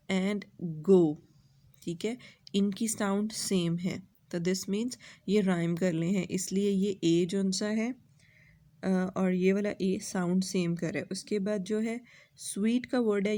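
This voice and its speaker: Slow, mellow-voiced woman teacher. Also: medium pitch. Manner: mixes Hindi and English, asks the class questions and answers them herself; drawls out the English words slowly. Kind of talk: lecture explaining a poem's rhyme scheme.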